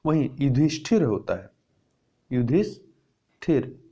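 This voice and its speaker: A man's voice: fairly high pitch, animated, normal speed, dark tone. A man teaching Hindi grammar, going through test answers and repeating words to stress the correct spelling.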